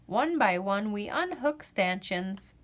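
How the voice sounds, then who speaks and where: Her voice sits at a medium pitch as she reads a children's picture book to listeners. She phrases things deliberately and expressively, drawing out each refrain.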